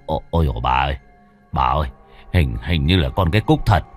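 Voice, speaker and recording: A man doing a shaken old father, deep and husky. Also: animated, a little fast, soft background music. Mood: shaken exclaiming. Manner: stammering, exclaiming, repeats words. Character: shaken elderly village father. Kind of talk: storytelling role voice.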